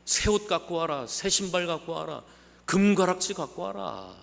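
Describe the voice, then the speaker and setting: A man voicing an elderly father loudly ordering servants to prepare a feast. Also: mid-range voice, moderate pace, voice pushed up, natural voice. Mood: joyful commanding. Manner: loud calls, commanding. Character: overjoyed older father, commanding servants. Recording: long church hall reverb.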